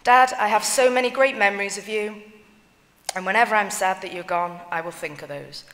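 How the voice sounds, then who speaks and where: Woman reader, solemn measured eulogy reading, medium pitch, long church echo. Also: fairly bright tone. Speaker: reader of family tributes at a funeral. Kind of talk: reading written eulogies aloud.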